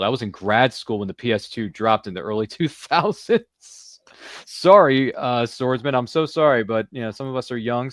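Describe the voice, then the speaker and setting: With a mid-range voice recorded dry and clean in a studio, this man hosts a podcast in a loose, joking way. He reads viewer comments from a livestream, drops pop-culture quotes, and repeats phrases.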